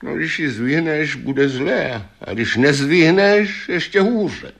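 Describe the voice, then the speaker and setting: A man voicing a wise magic talking horse that gives calm advice and sudden urgent warnings. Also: a little high, gravelly, voice pushed up, heavily acted.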